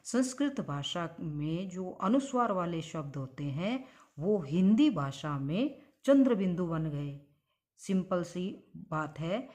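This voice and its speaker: A woman's voice: lowish voice, darkish tone. A woman teaching Hindi grammar, spelling out sounds one at a time and stretching each example word. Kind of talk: slow explanatory grammar lesson.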